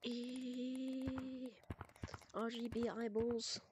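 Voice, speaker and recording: A woman giving chatty, excitable commentary while playing a VR game, reacting to each new item and humming to herself. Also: on the high side, very slow. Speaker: gameplay video creator. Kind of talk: casual gameplay commentary. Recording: constant clear background noise.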